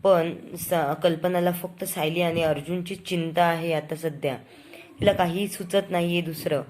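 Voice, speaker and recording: Low-voiced woman retelling a serial. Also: steady tone, normal speed, background noise. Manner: storytelling, quoting characters' lines; self-correcting mid-word restarts. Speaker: TV serial recap presenter.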